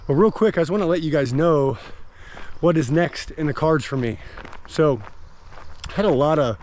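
A man's voice: fairly high pitch, moderate pace, darkish tone. An American man in his thirties chatting casually to viewers as a vlogger. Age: 30s. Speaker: vlogger and gym owner. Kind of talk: casual vlog chat. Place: outdoors on forest trail, later inside a car. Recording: clear outdoor and vehicle background noise.

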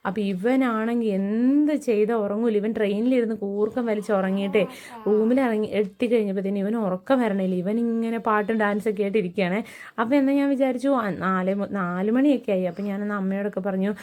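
Mom vlogger in her 30s just chatting away, soft mellow voice, keeps adding little "you know" tags. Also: medium pitch. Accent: Keralan Malayalam. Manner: chatty, often adds "kettō" tags. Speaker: vlogger, mother of a special-needs child. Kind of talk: casual storytelling to viewers.

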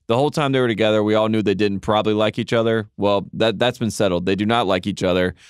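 A man's voice: lowish voice, fairly even intonation, quick pace, clean tone, dry recording, studio quality. A man co-hosting a podcast, telling stories in a wry, joking way in casual chat. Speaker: podcast co-host.

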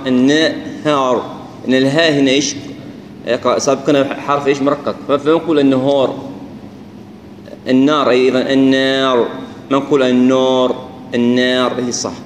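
A man's voice: mid-range voice, steady tone, slight background noise. Omani man teaching recitation, echoey room. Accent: Omani Arabic. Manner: casual, repeats words slowly to show right and wrong pronunciation. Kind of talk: tajweed lesson.

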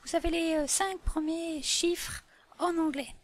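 A woman voicing a patient, slightly muddled female animal schoolteacher in a toy play, slow and didactic with many fillers. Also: very high voice, steady tone. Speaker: teacher. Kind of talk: toy role-play lesson.

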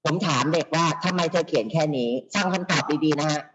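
A man who is a teacher, telling classroom stories in a lively way over a video call and acting out the voices of his students. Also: on the high side, quick pace, a little hiss or hum, poor audio. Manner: animated, acts out students and teachers in quoted voices. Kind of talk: storytelling talk.

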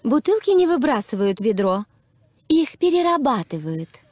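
A woman voicing a kind, patient mother pig who gently explains things in a children's cartoon. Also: a little high, big pitch swings, normal speed, dry recording. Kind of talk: animated children's cartoon dubbing.

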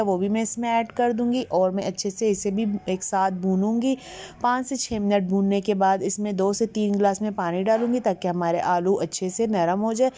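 Speaking warmly at a medium pitch, a woman voices over a step-by-step recipe on her home cooking channel. She chats with viewers throughout and keeps saying "ये देखिए" to guide them.

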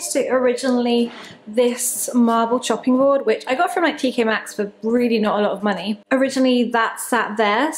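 A British woman in her twenties talks casually to her vlog audience. Her voice sits a little high, and her delivery is candid and chatty, like an informal personal conversation. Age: 20s. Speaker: vlogger.

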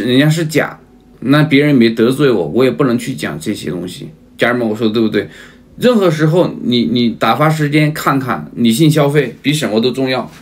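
Emphatic man livestreaming to his viewers. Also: mid-range voice. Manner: keeps addressing viewers as family, asks for agreement; repetitive, emphatic. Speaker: livestream seller.

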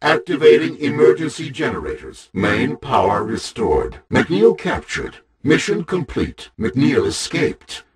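A man voicing a cold, commanding male AI of a war faction in a video game, giving clipped status announcements with loud crowd noise behind. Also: mid-range voice, a little slow, few pauses. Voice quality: flat, mechanical, menacing.

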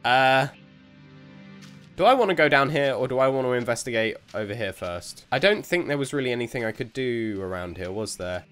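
A man's voice: mid-range voice, expressive, brisk, fairly bright tone, clean tone, soft background music. A young man giving let's-play commentary on a horror game, jumpy and exclaiming, often laughing. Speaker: gaming youtuber.

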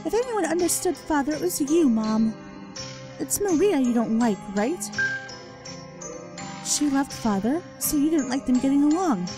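A woman voicing a desperate little girl who clings to her father, high and tearful, reading game dialogue. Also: lively intonation, moderate pace, long pauses. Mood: pleading. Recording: game music underneath.

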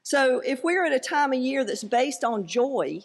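A woman pastor delivering a sermon and scripture reading in a measured, earnest way. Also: high-pitched, big pitch swings. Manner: measured, earnest delivery with light self-deprecating asides. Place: church sanctuary. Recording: long hall reverb in a church.

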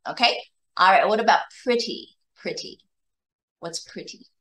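In this bilingual tutoring session, a woman teaches English to a young student individually, explaining patiently and checking in often. Her voice is medium-pitched and expressive, a little slow, with a fairly bright tone.

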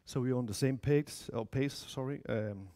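A software developer in his thirties, of mixed Spanish-Danish family and from Denmark or Spain, gives an informal technical talk indoors in a lecture room. He has a Danish accent and a dark, mid-range voice at normal speed. His style is chatty, with asides to the audience.

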